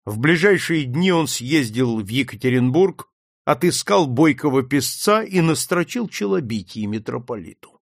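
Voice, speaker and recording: A man reading a story aloud in a dramatic, expressive narration. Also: mid-range voice, moderate pace, gravelly, no room sound, clean studio sound. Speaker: audiobook narrator.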